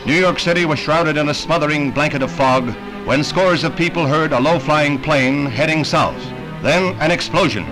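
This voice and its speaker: A man's voice: on the high side, moderate pace, poor audio. Man narrating an old newsreel. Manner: grave, formal, dramatic delivery. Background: loud music.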